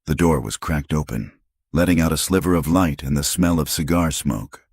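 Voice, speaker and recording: A man narrates a western audiobook in a measured, dramatic read. His voice is very deep with a husky grain. The recording is close and dry. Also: a little mellow, no echo. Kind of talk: scripted narration.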